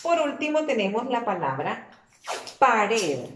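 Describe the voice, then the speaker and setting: A woman teacher walks children through a spelling lesson at an unhurried pace, stretching out and repeating each word so they can hear the stress. Her voice sits at an ordinary pitch, and the room gives it a noticeable echo. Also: animated, a little hiss or hum. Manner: patient, drawn-out repetition of words. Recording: echoey room.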